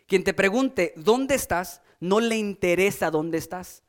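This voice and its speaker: A man with a notably high voice delivers a sermon from the pulpit. He builds his points through repetition with rising emphasis, then drops into soft, low asides. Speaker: pastor.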